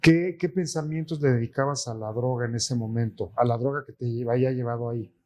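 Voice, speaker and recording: A man's voice: mid-range voice, steady tone, a little fast, a little mellow. A man hosting an interview, asking long probing questions that often end with a tag question. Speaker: interview host. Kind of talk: conversational interview.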